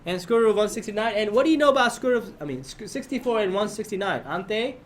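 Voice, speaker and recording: A man's voice: high-pitched, expressive, quick pace. A man teaching a math lesson to his class, often prompting students with questions and checking that they follow.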